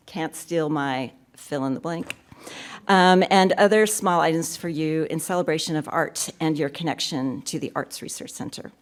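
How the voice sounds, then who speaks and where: A woman opening a university poetry reading, giving warm welcoming remarks and announcements into a podium mic. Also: low voice. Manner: warm, gracious and upbeat, with filler ums. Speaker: event host introducing a poetry reading. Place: university lecture room.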